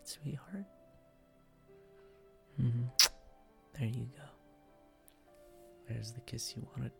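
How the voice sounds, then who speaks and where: Brief: man, soft ASMR whisper, gravelly and dark, slow and even, faint music behind. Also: mid-range voice. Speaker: ASMR roleplayer. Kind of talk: ASMR boyfriend roleplay.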